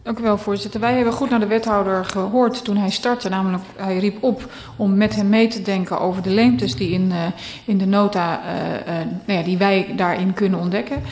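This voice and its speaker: Halting woman speaking in an echoey chamber. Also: medium pitch, fairly even intonation, a little mellow, slight background noise. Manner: halting, searching for words. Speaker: council member. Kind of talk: formal council speech. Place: council chamber. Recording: echoey room.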